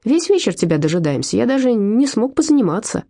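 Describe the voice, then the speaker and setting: A woman's voice: a little high, very animated, quick pace, warm tone, pitched above the performer's own voice. A woman voicing a cautious, sulky teenage boy who grumbles and snaps, in a storybook reading. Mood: grumbling. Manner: grumbling, irritable.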